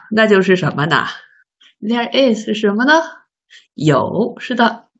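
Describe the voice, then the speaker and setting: A woman teaching a beginner English lesson, patiently asking learners questions and sounding out words slowly. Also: fairly low pitch, husky. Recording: slightly dull lo-fi recording.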